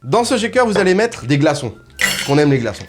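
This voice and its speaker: High-voiced crude joking cocktail host. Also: male voice, sing-song, fairly quick, noisy background. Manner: crude, ironic mock-serious patter; addresses viewer directly. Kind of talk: comedic cocktail tutorial.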